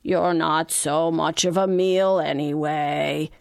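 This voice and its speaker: Woman playing a proud lion, slow deep-ish voice, condescending, storybook, dry close sound. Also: fairly even intonation, no room sound, natural voice. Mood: amused. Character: great proud male lion, later gentle.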